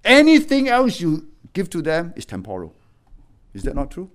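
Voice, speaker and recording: A middle-aged man preaching a sermon as a pastor, swinging between loud exhortation and quiet, low warnings. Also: huge pitch swings, normal speed.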